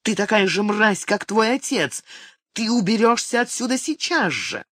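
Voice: sing-song, measured pace, a bit bright, no room sound. An audiobook reader voicing a drunken, furious middle-aged mother who shrieks insults at her son. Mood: screaming, furious. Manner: shrill, screeching insults. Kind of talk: audiobook character reading.

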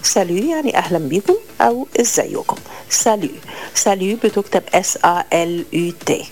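A woman with an Egyptian Arabic accent gives a radio French lesson. She repeats each French phrase slowly and spells words out letter by letter. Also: lowish voice, animated, a little mellow. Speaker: French language teacher.

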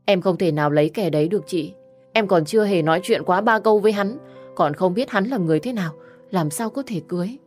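A woman's voice: fairly low pitch, quick pace, a little mellow, faint music behind, close to an everyday voice. A woman voicing a frightened, stubborn young woman forced into marriage. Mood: upset. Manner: pleading, upset.

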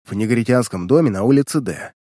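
A proud male spy, now captured and broken, answering each question in short, reluctant phrases, as a man reading an old detective story puts him on. The voice is dry and close, and its pitch stays lively. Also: fast, no echo, lightly acted.

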